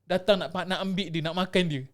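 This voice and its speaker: A young man tells ghost stories on a casual podcast. His voice sits high and rushes along, and he acts out the voices in his tale. He slips English words into his speech. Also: steady tone. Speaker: podcast co-host. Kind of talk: casual chat, ghost storytelling.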